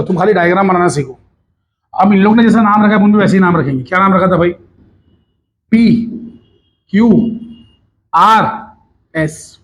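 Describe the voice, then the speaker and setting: High-voiced chatty physics teacher, man. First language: Hindi. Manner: chatty, coaxing, mixes Hindi with English and Marathi asides. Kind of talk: recorded online physics lesson.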